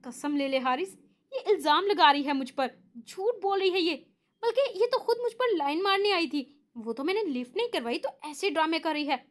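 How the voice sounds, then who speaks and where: A woman's voice: very high voice, lively intonation, normal speed. A woman voicing a cheeky young man who teases in a mock-innocent, boastful way.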